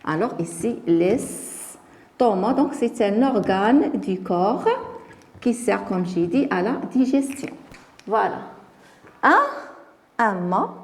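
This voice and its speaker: A woman's voice: medium pitch, animated, slow pace, darkish tone. A woman teaching a spelling lesson, repeating words and stressing them carefully for her pupils.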